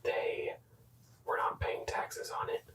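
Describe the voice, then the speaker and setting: Young adult whispering ASMR in echoey room. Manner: soft unvoiced whisper, repeats words slowly; rambling, self-correcting asides. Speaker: ASMR creator showing hockey jerseys. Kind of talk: whispered ASMR show-and-tell. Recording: echoey room, voice distant from mic.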